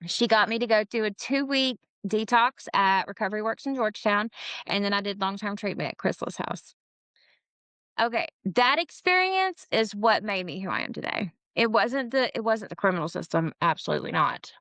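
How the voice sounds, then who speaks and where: Woman, forties, interview guest, candid storytelling, frequent laughs, mid pitch, dry sound. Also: lively intonation, moderate pace, pushed and bright, dry recording. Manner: frank and casual, laughs often, swears freely.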